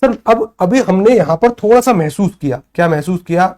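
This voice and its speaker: A man's voice: high voice, lively intonation, moderate pace, a little mellow. A man in his thirties teaching a lecture, asking questions and repeating the answers to drill them in. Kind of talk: classroom lecture.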